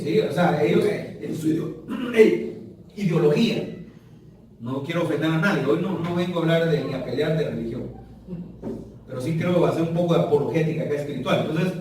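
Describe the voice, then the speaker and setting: Preacher with a high, echoing voice. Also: male voice. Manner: conversational preaching, frequent "¿sí?" check-ins. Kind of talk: sermon. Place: church sanctuary. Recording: echoey hall from far off, faint noise.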